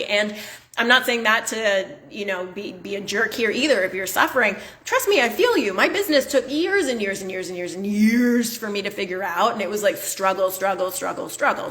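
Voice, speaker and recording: A woman's voice: on the high side, pushed and bright. A woman hosting a motivational podcast, talking bluntly and emphatically, swearing casually and filling her talk with "like". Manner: chatty, many "like" fillers. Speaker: podcast host and business coach.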